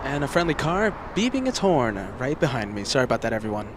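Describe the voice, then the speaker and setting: A man's voice: medium pitch, very animated, quick pace. A man hosting a casual live plane-spotting commentary outdoors, announcing in short phrases with chatty asides. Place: outdoors beside a road near the airport. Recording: loud outdoor traffic and vehicle noise. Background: vehicles and urban outdoor noise.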